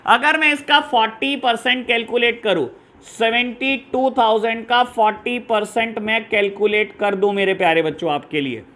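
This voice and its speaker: A commerce teacher gives a classroom lesson on journal entries, speaking fondly to his students and calling them "my dear children" as he works in the terminology. His voice sits high and sounds bright and forceful, at a moderate pace with few pauses.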